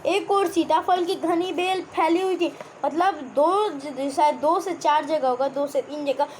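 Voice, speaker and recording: High-pitched young woman teacher going through a kids story, keeps asking the class stuff, bit of hiss behind. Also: a little slow. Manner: repeats and explains words, asks the class questions. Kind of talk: explaining a children's textbook chapter.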